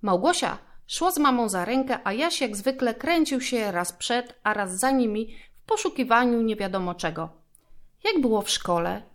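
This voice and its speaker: A woman's voice: on the high side, normal speed, hardly any pauses. Woman reading a children's story. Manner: clear, expressive reading. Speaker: police officer reading a story.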